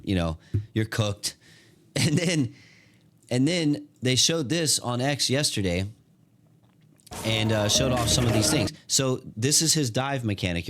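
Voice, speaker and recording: A man giving casual, excited gameplay commentary, full of slang, fillers and restarts. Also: lowish voice. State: hiccuping. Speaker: gaming content creator.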